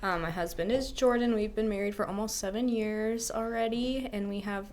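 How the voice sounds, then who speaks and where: A woman in her late twenties, a podcast guest chatting casually and softly, often trailing off. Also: medium pitch, steady tone, normal speed, slight background noise. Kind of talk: casual chat.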